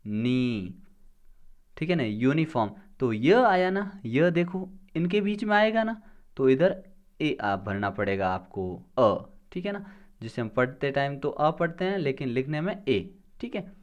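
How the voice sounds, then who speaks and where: A man teaching a grammar lesson for an exam. He explains step by step, asks questions and answers them himself, and sounds out words slowly. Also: mid-range voice, big pitch swings.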